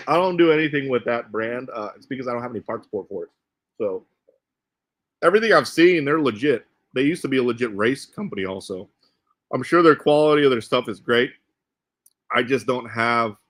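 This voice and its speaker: A man's voice: medium pitch, a bit bright. Rambling man chatting casually on a livestream. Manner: rambling, restates phrases. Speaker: host of an RC car channel. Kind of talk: casual livestream chat to viewers. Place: indoors in a cluttered warehouse.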